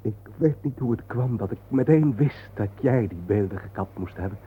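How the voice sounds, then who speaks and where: In a muffled, noisy old radio play, an actor with an expressive mid-range, natural voice plays an intense, soul-searching man lost among the war dead. At normal speed, he delivers the poetic lines earnestly and declamatorily, in a reverent, sombre mood.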